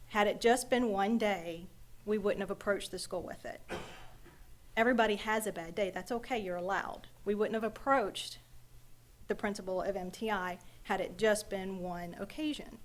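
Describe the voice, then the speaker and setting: A woman's voice: medium pitch, steady tone, normal speed, a little hiss or hum. A woman, a parent, firmly appealing to a school board during public comment. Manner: firm, appealing.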